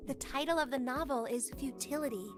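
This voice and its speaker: A woman's voice: high voice, a little fast, over music, natural voice. A woman voicing an inquisitive, insistent young female game character who explains things matter-of-factly. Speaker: video game character voice actor. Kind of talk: English game dub dialogue.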